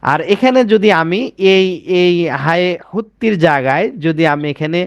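A man teaching an online class on Arabic pronunciation. He explains slowly, repeats words and keeps checking that his students follow. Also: high voice, lively intonation, dry recording, highs cut off.

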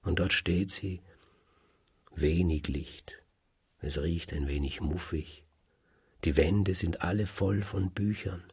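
A man telling old legends aloud in a lively, emphatic way, swinging between loud and hushed. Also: low voice, takes it slowly, gravelly, long pauses, slightly rough, no echo. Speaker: storyteller. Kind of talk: oral storytelling of legends. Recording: dry close recording.

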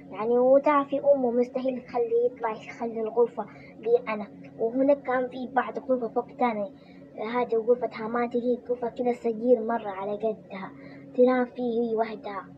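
A woman with a fairly high voice plays a weary young wife in a toy role-play drama, chatting and griping about her in-laws in a lightly acted way. The recording sounds muffled, with background noise.

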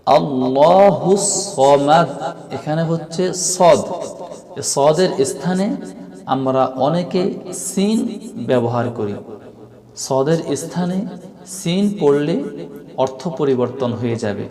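A man teaching correct recitation, alternating slow melodic chanting of verses with quick spoken corrections. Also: on the high side, a crowd in the background. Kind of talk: tajweed lesson with chanted recitation. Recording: long hall reverb.

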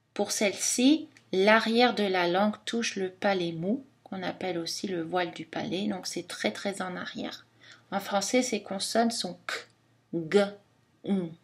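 A woman's voice: medium pitch, unhurried, husky. A woman narrating a phonetics lesson, explaining each consonant and carefully demonstrating the sounds. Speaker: phonetics teacher.

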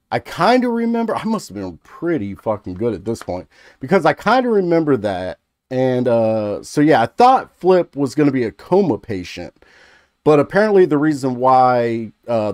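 A man's voice: medium pitch, darkish tone, no echo. Rambling, jokey man, close dry sound. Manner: rambling, jokey, laughs easily. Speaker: movie review vlogger. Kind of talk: casual, sweary comic review to camera.

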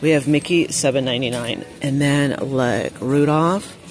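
A woman filming a shop-with-me vlog in a large store on a handheld phone, chatting excitably and reading prices aloud. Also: very deep voice, normal speed, soft background music. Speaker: vlogger. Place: large indoor retail store. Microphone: handheld phone camera.

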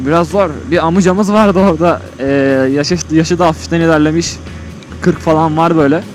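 A man talks from inside a motorcycle helmet as he rides, rambling colloquially and thinking aloud in a casual vlog style. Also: high voice. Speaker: motovlogger. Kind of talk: casual vlog commentary while riding. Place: outdoors on a motorcycle on an open road. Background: music, vehicle on the road.

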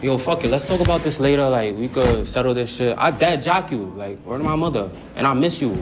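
A man's voice: medium pitch, expressive, brisk, background noise. A man on a dating show pleading with his ex in slangy casual talk.

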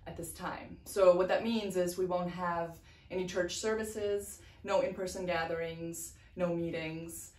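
A woman's voice: lowish voice, steady tone, measured pace, few pauses, darkish tone. A woman in her forties, president of a parish board, making a hesitant church announcement with many ums, recorded by a far camera in an office. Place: church office with bookshelves, indoors. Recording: roomy sound from a distance.

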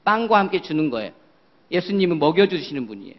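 A man leading a children's service as a young ministry preacher, giving a lively sermon with role-play and often asking the children questions. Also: a little high, fast talker, dull audio. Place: church worship hall.

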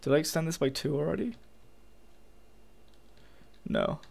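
Gravelly-voiced young man swearing through a game. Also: a little high, big pitch swings, a little slow, darkish tone. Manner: frustrated, swears a lot, talks to viewers. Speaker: gaming channel host. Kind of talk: casual game commentary.

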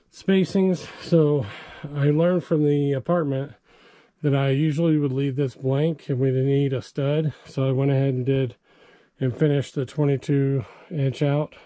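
A man's voice: fairly high pitch, dark tone. A middle-aged man giving a casual, rambling walkthrough of his basement build, with lots of "um"s, recorded on an action camera in an unfinished basement. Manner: rambling, filler-heavy explaining. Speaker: DIY vlogger. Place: unfinished basement under construction.

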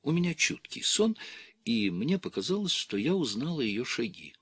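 A man reading a classic novel aloud as an audiobook in a calm, measured way. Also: medium pitch, husky, no room sound. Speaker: audiobook reader. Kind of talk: scripted literary narration.

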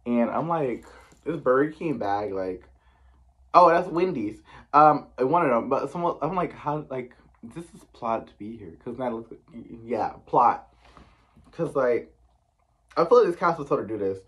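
A man's voice: mid-range voice, lively intonation, a little slow, a bit bright. A man from the US East Coast recapping a reality show in casual chat, chatty and sassy, full of "like" and slang asides.

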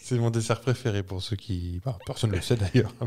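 A man's voice: lowish voice, fairly quick, gravelly, a little mellow, slight background noise. A man co-hosting a casual podcast, reading out quiz facts in a playful, teasing way and chuckling often. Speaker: podcast co-host. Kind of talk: casual chat, true-or-false quiz.

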